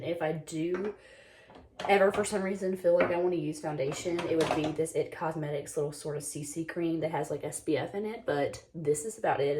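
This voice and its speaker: There's a noisy background behind this deep-voiced woman. She's a beauty vlogger in her twenties from North Carolina, a little sick and losing her voice, chatting informally through a get-ready-with-me makeup routine with frequent "like" and "um."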